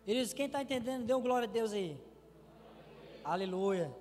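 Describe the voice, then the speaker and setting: A man's voice: sits high, expressive, moderate pace. A man with a Brazilian Portuguese accent preaching a sermon, speaking emphatically and often calling out to the congregation. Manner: emphatic preaching, keeps addressing the congregation as "querido". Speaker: pastor. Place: church service. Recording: reverberant church hall with soft music.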